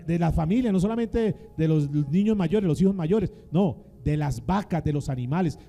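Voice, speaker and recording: Gravelly, dramatic male preacher. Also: fairly high pitch, mellow. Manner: dramatic call-and-response preaching. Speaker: pastor. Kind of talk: sermon.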